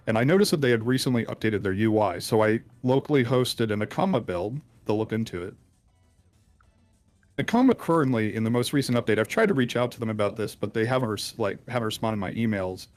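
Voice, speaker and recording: Hacker guest, male, voice run through a deep pitch-shifting changer, halting and rambly, dry close sound. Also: expressive, a little mellow, no room sound, faint music behind. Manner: hesitant, rambling, many ums and restarts. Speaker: interviewed hacker. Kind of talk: casual call-in interview.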